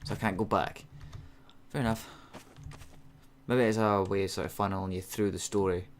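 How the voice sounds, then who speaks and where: A man's voice: on the low side, steady tone, moderate pace, a little hiss or hum. Sarcastic man commenting on a game. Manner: chatty and sarcastic. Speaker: let's play host. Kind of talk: casual gameplay commentary.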